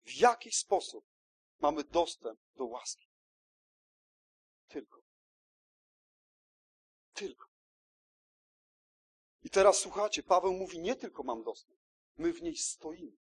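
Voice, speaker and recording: Male preacher, raised pitch, husky tone, emphatic and repetitive delivery. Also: lively intonation, takes it slowly, pauses often. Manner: emphatic, repeats key words, checks in with listeners. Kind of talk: sermon.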